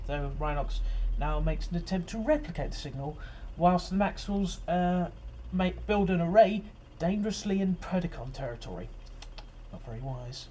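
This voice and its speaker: A man's voice: high voice, expressive, normal speed, a little mellow, slight background noise. A man giving a casual, rambling overview of an episode as host of his fan series, full of fillers and restarts.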